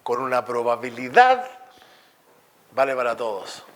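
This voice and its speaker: A man voicing an excitable male philosopher, speaking high and insistent. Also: measured pace, slight background noise. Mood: reasoning.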